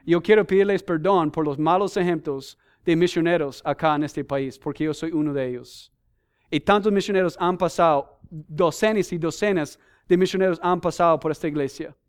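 A man with a high, ringing voice preaches a sermon to his congregation. He works through numbered points and scripture references, pausing to put questions to the listeners. His tone stays earnest and emphatic throughout. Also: clean tone. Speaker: missionary preacher.

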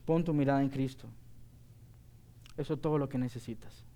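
A man's voice: medium pitch, fairly even intonation, a little fast, warm tone. A middle-aged man preaching a sermon as pastor, earnest and emphatic, asking the congregation rhetorical questions.

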